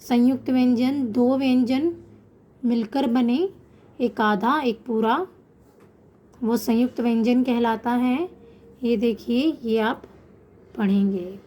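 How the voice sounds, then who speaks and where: An online Sanskrit class for kids is led by a woman whose voice is a little high and mellow; she explains with patience and slows to pronounce examples.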